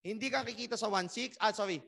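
Bright high-voiced man giving a motivational talk. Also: fast, gravelly. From Philippines. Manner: rhetorical questions, loud emphatic rises. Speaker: network marketing trainer. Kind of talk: motivational orientation talk to a crowd.

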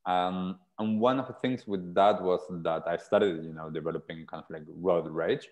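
Low-voiced man from Argentina, earnest storytelling. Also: normal speed, darkish tone. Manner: earnest, reflective, gestures while talking. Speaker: podcast guest. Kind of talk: casual interview storytelling. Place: small indoor room. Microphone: earphone headset on a video call.

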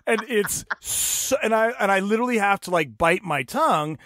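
A man's voice: high-pitched, lively intonation, normal speed, fairly bright tone, no room sound, studio quality. A man hosting a podcast, chatting casually and animatedly about his kids, acting them out as he tells stories. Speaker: podcast host. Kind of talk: casual chat.

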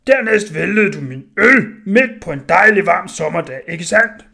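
A man voicing a big, angry grown blacksmith in a storybook reading, loud and booming. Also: expressive, creaky, exaggerated voice.

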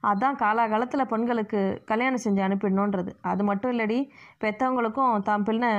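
A woman's voice: a little high, a little fast, lightly acted. A woman voicing a bossy middle-aged aunt who scolds and lectures, recorded muffled and lo-fi. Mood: lecturing.

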